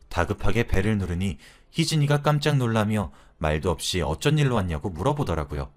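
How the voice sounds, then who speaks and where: A man narrating a wife's real-life story in a chatty, confiding storyteller's manner. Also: on the low side. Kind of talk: scripted narration of a listener's story.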